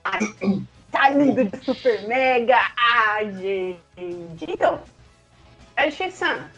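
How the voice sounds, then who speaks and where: High-voiced Brazilian woman hosting, animated. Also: takes it slowly. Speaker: host of a quiz challenge show. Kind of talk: excited casual show hosting. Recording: dull lo-fi sound, music behind.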